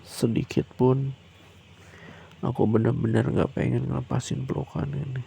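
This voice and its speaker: A man's low, gravelly murmur, warm and mellow, drifting along at an unhurried pace in a soft, breathy bedtime roleplay. His delivery stays flat and soothing, recorded close in a quiet room with a faint hiss of noise behind it. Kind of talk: boyfriend roleplay ASMR.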